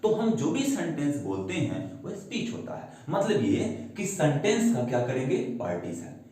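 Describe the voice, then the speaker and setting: A man gives a grammar lesson in a lively, swinging voice with a mellow, dark tone, posing questions and answering them himself while drawing out key words slowly. The recording is strongly echoey, with his voice sitting some distance from the mic. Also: on the high side. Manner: mixes English terms into Hindi explanation. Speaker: English grammar teacher. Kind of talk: classroom-style video lesson. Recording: echoey room, voice away from the mic.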